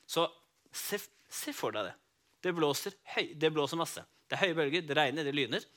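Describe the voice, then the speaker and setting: A man telling a Bible story to children in the first person, as if he were Peter himself. He tells it in a lively, dramatic way and speaks straight to his young listeners. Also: a little high.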